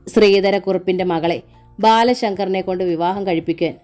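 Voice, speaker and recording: A woman narrating a novel aloud in a steady, measured storytelling manner. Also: medium pitch, soft background music.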